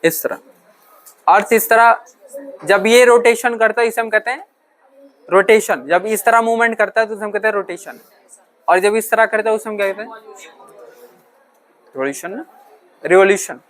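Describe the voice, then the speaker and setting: A man's voice: sits high, moderate pace, pauses often, a bit bright. A male teacher lecturing a classroom, asking questions, answering them himself, mixing in English terms and often checking whether the students understand. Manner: mixes English terms into his talk.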